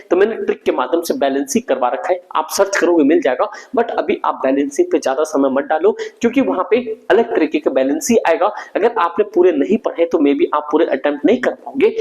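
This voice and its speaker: Lively young male teacher. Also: fairly high pitch, rough recording. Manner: informal, brotherly, keeps checking students follow. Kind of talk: exam revision lesson.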